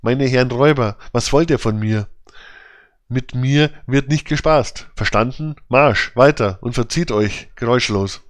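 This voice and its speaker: A man's voice: medium pitch, no room sound, natural voice. Storybook puppet boy, cocky and emphatic, read by a man, dry close recording. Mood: boastful. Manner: bragging, slow and emphatic. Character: boastful wooden puppet boy, cocky, then scared.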